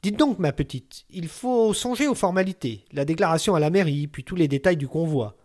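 Here a man reading a story takes on the role of a gruff, bossy old neighbor woman, using a raised, higher voice that stays close to an everyday one. With lively intonation and a slightly fast pace, she grumbles, scolds, and fusses at length, never softening.

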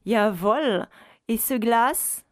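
A woman voicing a cheerful young male foreign camper who speaks slowly in broken, mixed-language phrases. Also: on the high side, no room sound, studio quality. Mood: eager.

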